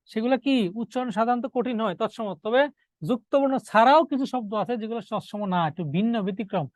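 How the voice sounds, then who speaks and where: A man with a fairly high voice gives an exam-prep grammar lecture to students. He repeats each key point as a question and answers it himself, slowing down to dictate notes. The recording is dry and close, with no room sound. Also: dry recording. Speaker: teacher.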